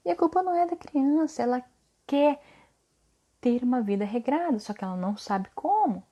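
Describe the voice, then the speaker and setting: A high-pitched woman hosts a casual live stream for mothers. She talks in an earnest, coaching way. She keeps tagging her sentences with a quick "tá?" to check that her listeners are following. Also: lively intonation, warm tone, husky, lo-fi sound. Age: adult mother. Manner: ends phrases with a questioning "tá?".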